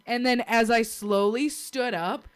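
A young woman in casual chat, telling a story in an animated way, swearing freely and laughing as she goes. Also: fairly high pitch, unhurried, clean tone.

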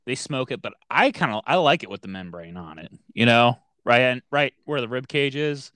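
Dude cohosting a chill podcast, voice bounces all over, jokey, says like a lot. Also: male voice, medium pitch, lively intonation, bright, forceful tone, dry recording. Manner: joking, quick to laugh, hedging with "like". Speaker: podcast co-host. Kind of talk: casual chat.

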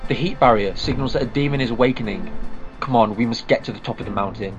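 A man's voice: medium pitch, fast talker, lightly acted. An earnest, clever time traveller, voiced by a man in a homemade audio drama. He talks urgently in a mid-range voice. The recording is dull and lo-fi, with faint music behind. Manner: urgent, explaining.

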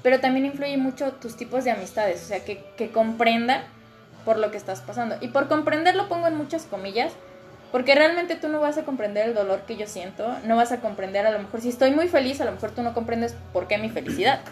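A woman's voice: on the high side, lively intonation, brisk, faint music behind. A young woman with a Mexican accent in casual podcast chat, earnest and advice-giving, with slang. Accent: Mexican Spanish.

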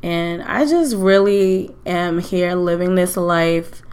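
A woman's voice: fairly low pitch, slow pace, darkish tone, clear, resonant tone. A middle-aged woman with a Queens, New York accent, talking casually and chattily to her podcast listeners, often repeating herself for emphasis. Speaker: podcast host. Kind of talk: casual personal monologue to listeners.

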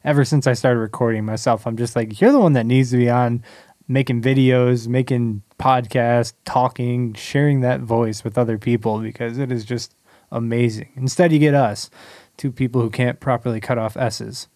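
A podcast co-host with a mid-range, darkish voice speaks at normal speed in a steady tone, recorded in dry, studio-quality audio. He keeps the casual chat easygoing, laughs often, and steers the conversation by asking questions.

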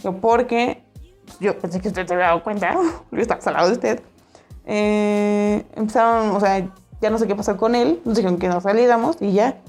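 A young woman with a Mexican accent telling a personal story in a casual, animated way, acting out the voices she quotes. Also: mid-range voice, normal speed, faint music behind. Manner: animated, acts out quoted voices, laughs often.

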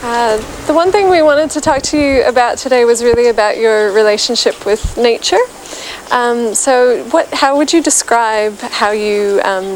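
Lady interviewer, creaky voice, casual and kinda hesitant, faint noise behind her. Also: mid-range voice, poor audio. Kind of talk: casual, friendly interview questioning.

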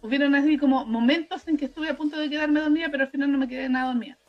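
A woman's voice: high voice, fairly even intonation, rapid-fire, dull audio, soft background music. A Chilean woman co-hosting a podcast, chatting casually about an anime and often restarting her sentences. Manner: chatty, hesitant, trailing restarts. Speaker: podcast co-host. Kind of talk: casual anime review chat.

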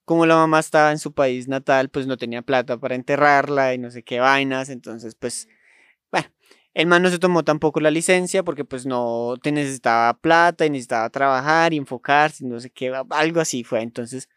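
A man's voice: mid-range voice, a little fast, fairly bright tone, smooth, no echo, studio quality. A man with a Colombian accent telling a long anecdote in casual podcast chat, rambling and slangy and laughing often. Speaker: podcast storyteller.

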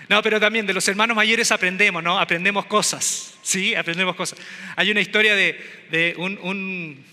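A man's voice: sits high, pushed and bright, slight background noise. A man preaching a sermon in a humorous, conversational way, asking the congregation questions. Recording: echoey hall.

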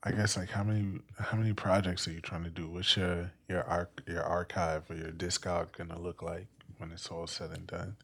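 A podcast host running a loose interview and trading jokes with the guest. The delivery is animated, with mock-dramatic complaints. The chat is easy and unscripted. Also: low voice, normal speed, hardly any pauses, husky.

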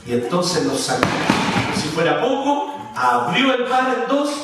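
Animated man preaching in an echoey hall. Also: high-pitched, a little slow, loud music behind the voice. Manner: animated preaching, rising and dropping emphasis. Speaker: pastor. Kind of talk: sermon. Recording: echoey room from a distance.

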